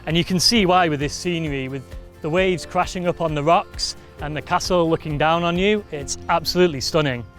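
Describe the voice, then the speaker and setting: A man's voice: a little high, brisk. A man presenting a walk outdoors on a coastal path, upbeat and conversational. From Wales. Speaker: walking presenter. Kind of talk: presenting a travel walk to camera. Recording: faint guitar music behind. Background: soft guitar music.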